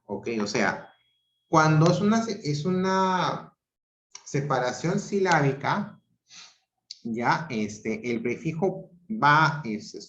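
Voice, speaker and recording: A Peruvian man teaching an online grammar class. He talks slowly and deliberately, repeats each example syllable by syllable, and keeps checking in with "¿ok?" and "¿ya?". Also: medium pitch, a little hiss or hum. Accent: Peruvian Spanish. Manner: checks understanding with frequent "¿ok?" and "¿ya?". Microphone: video call. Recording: roomy, dull video-call audio.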